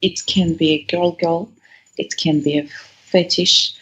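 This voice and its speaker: A woman with a Russian accent and a husky, gravelly voice, chatting casually as an interview guest. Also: on the low side, fairly even intonation, slow pace, fairly bright tone, rough recording. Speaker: interview guest, adult content creator.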